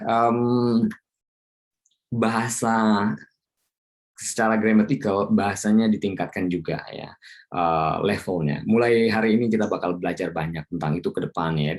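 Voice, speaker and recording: A man teaching an IELTS class, chatting casually, dropping English terms into his explanations and laughing often. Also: fairly low pitch. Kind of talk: casual online lesson.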